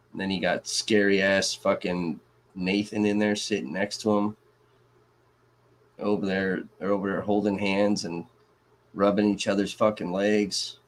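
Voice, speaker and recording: A man's voice: deep voice, level tone, a little slow, long pauses, slight background noise. A man from Kenosha, Wisconsin, hosting a live trial commentary stream and ranting in a profane, sarcastic way. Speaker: livestream host.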